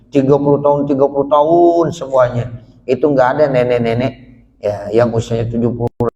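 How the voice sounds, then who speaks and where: A male preacher tells a sermon as a lively, colloquial story, slipping into quoted voices and chanted Arabic verses. His medium-pitched voice rings with the long reverb of a prayer hall. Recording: echoey hall.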